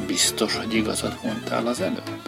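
A man voicing a boastful, cocky little male hare who shouts his claims, over violin music. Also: on the low side, vocal fry. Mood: questioning.

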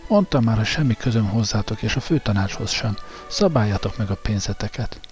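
A man voicing a desperate, hysterical male traitor who shouts shrilly in an audiobook reading. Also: lowish voice, animated, faint music behind, lightly acted. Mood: shouting.

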